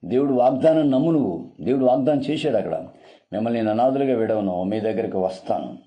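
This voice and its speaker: A man's voice: medium pitch, animated, fast talker, highs cut off. A man preaching a devotional morning sermon as a pastor, earnest and pleading, repeating his phrases. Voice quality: dark, mellow voice.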